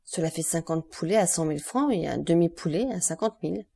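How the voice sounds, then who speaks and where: A woman voicing a calm, mocking male bandit jailer who speaks with cool, deadpan politeness in an audiobook reading. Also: lowish voice, brisk, gravelly, slightly rough, heavily acted.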